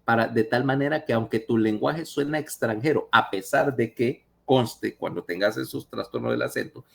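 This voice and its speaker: A man's voice: medium pitch, normal speed, vocal fry, fairly bright tone. A man lecturing over a video call in a chatty way, telling anecdotes and asking his listeners questions.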